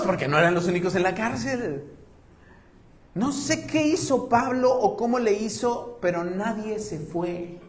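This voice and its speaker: A pastor with a notably high voice preaches to his congregation. He tells the story in an animated way, throwing out rhetorical questions and light jokes. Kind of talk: sermon.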